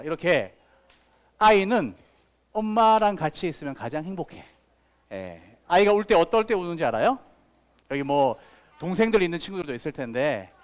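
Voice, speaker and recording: A man giving a children's sermon as pastor, telling playful stories with sound effects and asking the kids questions. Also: on the high side. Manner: talks directly to children with questions.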